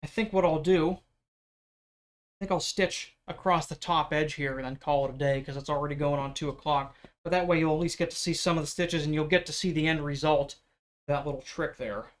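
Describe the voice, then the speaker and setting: A man demonstrating leatherworking on a live stream, talking loudly in an explaining way and chatting with viewers into a microphone. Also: a little high, fairly even intonation, fairly quick. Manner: loud, explaining voice. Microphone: external microphone.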